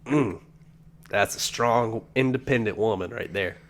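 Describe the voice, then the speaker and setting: A man's voice: fairly low pitch, unhurried. A man co-hosting a podcast, chatting casually with crude, profane banter. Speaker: podcast co-host. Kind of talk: casual chat.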